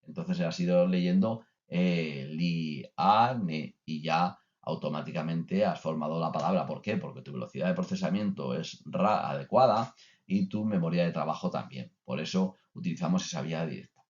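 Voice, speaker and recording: A man's voice: low-pitched, moderate pace, darkish tone. A man giving a recorded course lecture to teachers, conversational, with many filler sounds and restarts. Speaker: teacher trainer. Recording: dull lo-fi recording.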